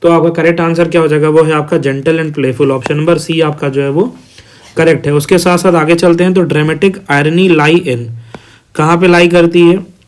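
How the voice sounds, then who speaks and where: A man runs through exam multiple-choice questions as a tutor. His voice sits a little high, and he falls into a steady repeating pattern of listing options and announcing the answer. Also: moderate pace. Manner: repetitive, reads options then announces answer. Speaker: teacher. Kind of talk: exam quiz walkthrough.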